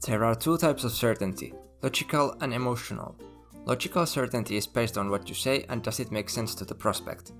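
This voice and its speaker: Man narrating a scripted explainer. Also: mid-range voice. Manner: steady explanatory delivery with numbered points. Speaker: channel host. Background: faint background music.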